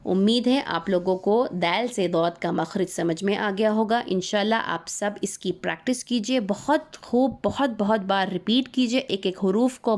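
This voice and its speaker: A woman teaches Quran recitation in an explanatory online lesson, patiently demonstrating each letter sound slowly and repeating it. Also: medium pitch, darkish tone.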